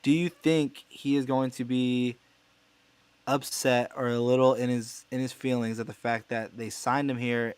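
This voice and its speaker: A man hosting a casual basketball talk show, reading trade reports aloud and reacting with quick bursts of excitement. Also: medium pitch, clean tone, no room sound. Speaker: host. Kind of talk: casual sports chat.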